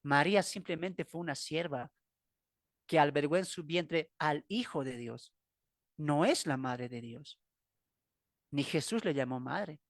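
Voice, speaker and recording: A man's voice: fairly high pitch, a little slow, long pauses, dry recording, clean studio sound. Emphatic Bolivian man teaching Bible class. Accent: Bolivian Spanish. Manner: emphatic, asks rhetorical questions.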